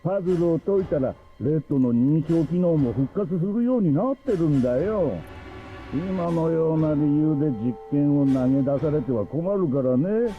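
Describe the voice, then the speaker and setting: A man's voice: a little high, expressive, fast talker, lightly acted. An actor voicing a cruel, scheming middle-aged man in a game, mocking and condescending, heard as muffled game audio with music behind. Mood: smug. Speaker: game character.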